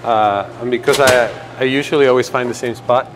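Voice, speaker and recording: A man's voice: medium pitch, fairly quick, background noise. A man in his twenties from Ecuador, casually rambling with fillers while giving a campus tour as a graduate student. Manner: rambling, relaxed, many fillers and restarts. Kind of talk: casual documentary interview.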